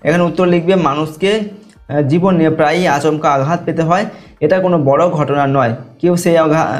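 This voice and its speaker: Fast-talking male teacher. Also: on the high side, steady tone. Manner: reads questions, then dictates answers with frequent checks. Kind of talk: exam answer walkthrough.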